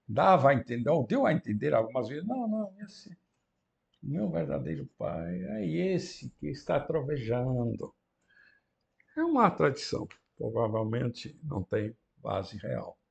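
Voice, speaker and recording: Slow, gravelly Brazilian teacher. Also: male voice, a little high, darkish tone. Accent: Brazilian Portuguese. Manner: slow, drawn-out reading aloud of Greek phrases. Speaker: Greek teacher. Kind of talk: university lecture.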